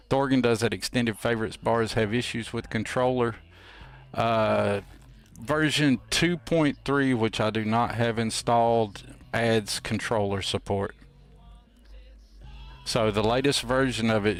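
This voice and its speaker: Low-voiced man, casual gaming host. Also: steady tone, a little slow. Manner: folksy, playful, rambling chat to viewers. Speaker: host of a gameplay livestream.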